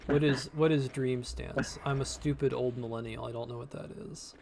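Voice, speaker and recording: A man's voice: mid-range voice, fairly even intonation, moderate pace, gravelly, a little mellow, slight background noise. A man in his thirties chatting casually while playing a game, earnest and rambling, drifting into life advice. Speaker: podcast co-host playing a game. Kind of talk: casual chat while gaming.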